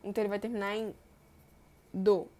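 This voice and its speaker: A young woman, teaching verb tenses in a chatty way and stretching example words slowly. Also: mid-range voice, darkish tone. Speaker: Portuguese grammar teacher. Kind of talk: explaining verb tenses on a board.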